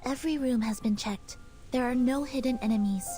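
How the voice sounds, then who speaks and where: An actress voicing a calm, analytical young female companion in a game, speaking in a measured, logical way. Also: fairly high pitch, soft background music, close to an everyday voice. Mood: composed. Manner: measured, logical, matter-of-fact. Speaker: game character. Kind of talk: game voice acting.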